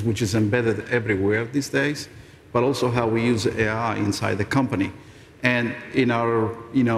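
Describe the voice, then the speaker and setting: A man who speaks natively, hosting a keynote stage conversation with polished corporate enthusiasm. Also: on the low side. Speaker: executive host interviewing a guest on stage. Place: large indoor conference stage. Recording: echoey large hall, stage reverb.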